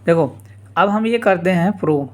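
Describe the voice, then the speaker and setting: A math teacher works through a geometry proof on the blackboard step by step, casually repeating each step and calling his listeners "yaar." His voice is high-pitched and expressive, with a darkish tone and normal speed.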